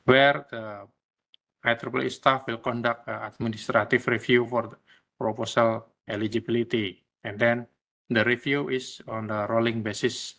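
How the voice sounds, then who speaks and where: A man's voice: mid-range voice, little pitch movement, moderate pace, a bit bright. A man from Indonesia, not an English speaker, giving a presentation in a hesitant way, with many fillers and restarts. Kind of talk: online session presentation.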